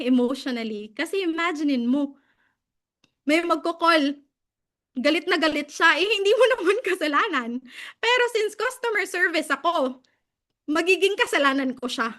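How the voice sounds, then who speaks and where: Young Filipino woman, very high and bright voice, animated storyteller who laughs often and code-switches. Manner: animated, laughs often, mixes Tagalog and English. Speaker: guest speaker. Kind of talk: casual storytelling talk.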